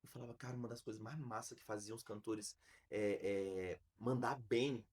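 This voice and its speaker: A man from Brazil, a podcast host, telling a story in a casual, slangy, animated way with many restarts. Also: lowish voice, moderate pace, breathy edge.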